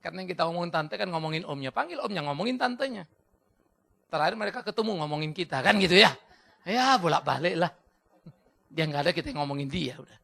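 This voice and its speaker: A man, a pastor, preaching a sermon, swinging between loud exhortation and soft storytelling and repeating key phrases for emphasis. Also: fairly high pitch, lively intonation, fast, vocal fry. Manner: mixes in English words.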